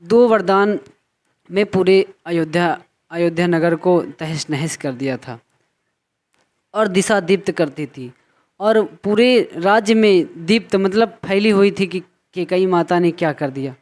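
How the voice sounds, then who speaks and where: A man's voice: high-pitched, darkish tone. Male teacher explaining Hindi poetry. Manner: slow recitation of verse, then line-by-line explanation with repetitions. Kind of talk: explaining a Hindi poem to students.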